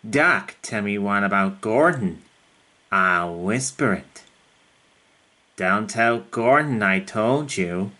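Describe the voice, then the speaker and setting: A man voicing a devious, smug diesel locomotive with oily, insincere politeness, in the style of an animated children's series. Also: fairly low pitch, exaggerated voice. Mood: sly, scheming. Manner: slow, deliberate delivery.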